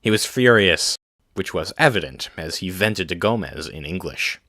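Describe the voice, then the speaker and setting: A man narrating a science-fiction audiobook in a steady, measured way. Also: low voice, dry recording, clean studio sound.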